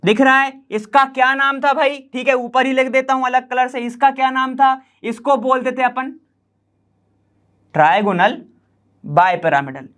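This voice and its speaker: A man teaching a chemistry class in an online lecture, casual and chatty as he explains while drawing on a board, often checking whether students follow and slowly repeating key terms. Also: very high-pitched, a bit bright.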